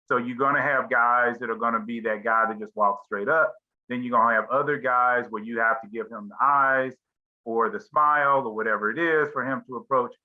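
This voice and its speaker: A man's voice: medium pitch, fairly even intonation, brisk. A middle-aged man hosting a group discussion on a video call, talking casually and rambling with many fillers and restarts. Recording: slightly dull lo-fi call audio.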